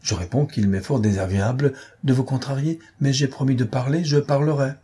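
A man's voice: medium pitch, fairly quick, mellow, husky, pitched above the performer's own voice, natural voice. A man voicing a defiant, ardent young male journalist-detective in an audiobook reading.

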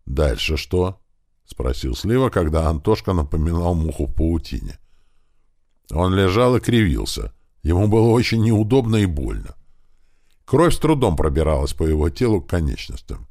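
A man reading a first-person audiobook with expressive storytelling. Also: low voice, normal speed, dry recording, studio quality. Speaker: audiobook narrator.

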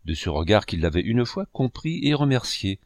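Solemn low-voiced man reading a novel. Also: sing-song, normal speed, no room sound, clean studio sound. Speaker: audiobook reader. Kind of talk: scripted narration of a novel.

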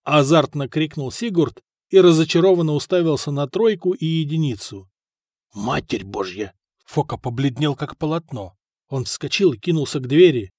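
A man narrates an audiobook with a lively, expressive reading. His voice is on the high side. The sound is dry, without room echo. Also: moderate pace.

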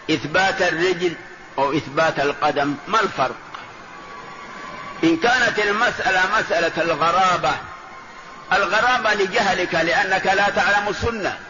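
A man with a slightly high voice teaching a religious lesson in a measured, explaining way, often turning to pointed rhetorical questions. The sound is a muffled old lecture tape with a loud steady hiss behind him.

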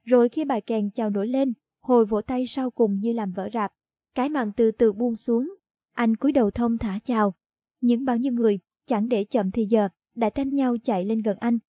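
A woman reading a short story aloud in a steady storytelling narration. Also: fairly high pitch, moderate pace, no echo. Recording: dull lo-fi dry audio.

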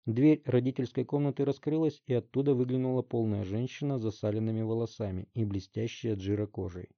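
A man reading a story aloud in steady, middle-pitched narration. The sound is dry and a little dull, with no room around the voice. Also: brisk, no room sound. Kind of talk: audiobook narration.

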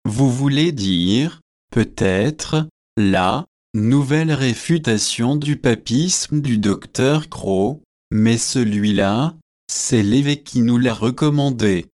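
A man's voice: mid-range voice, slow pace, a little mellow, no room sound, clean studio sound, close to an everyday voice. A man reading the part of a chatty, forgetful young newly married woman in an audiobook, with gushing, eager speech.

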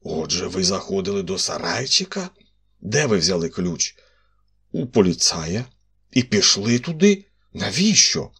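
A man voicing an excitable middle-aged police commissary who speaks in urgent, clipped bursts, with a husky voice. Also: low voice, a little slow, full character voice. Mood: alarmed.

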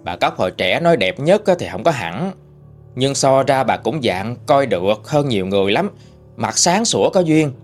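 A man's voice: mid-range voice, big pitch swings, normal speed, soft background music. A man with a Southern Vietnamese accent telling a family ghost story in a folksy, chatty way, full of dialect particles. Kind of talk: oral storytelling.

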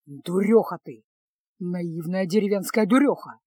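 A woman reading a storybook, voicing a gruff, sardonic male mage in a curt, grumbling manner. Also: fairly low pitch, a little slow, mellow, no echo, voice pushed down. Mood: irritated.

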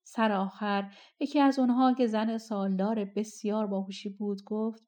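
A woman narrating a fairy-tale audiobook in an expressive, colloquial storytelling voice. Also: mid-range voice.

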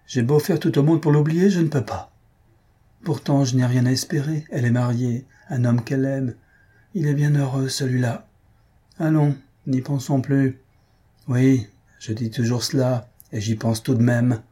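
A man's voice: mid-range voice, steady tone, normal speed, mellow, slightly rough, voice pushed up, close to an everyday voice. A man voicing an earnest young man in love in an audiobook reading, his voice a little raised. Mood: wistful.

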